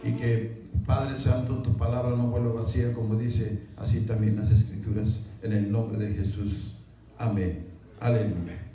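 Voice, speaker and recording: A pastor preaching an emphatic, slow sermon and praying aloud to his congregation. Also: lowish voice, fairly even intonation, mellow. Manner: prayerful, slow and emphatic, acts out quoted voices. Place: church sanctuary. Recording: very echoey church hall from far off.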